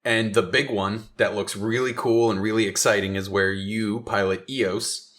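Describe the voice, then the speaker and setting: A man's voice: fairly low pitch, steady tone, moderate pace, fairly bright tone. A man co-hosting a podcast, chatting casually about a game in a joking, teasing way and laughing easily. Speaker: podcast co-host. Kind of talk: casual gaming chat.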